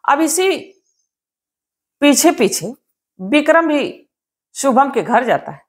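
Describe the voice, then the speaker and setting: A woman tells a crime story in a loose, conversational way, leaning on repeated filler phrases. Her voice is fairly high and very lively in pitch, rising and falling as she narrates. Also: slow. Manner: chatty, repetitive fillers.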